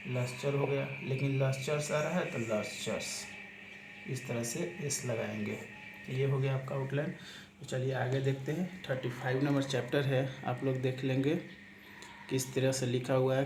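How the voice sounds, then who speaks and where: Flat-voiced man teaching shorthand, echoey. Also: medium pitch. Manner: repetitive, step-by-step explaining, keeps saying "aapka"; spells out words letter by letter. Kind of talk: spoken lesson walking through examples. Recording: echoey room with clear background noise.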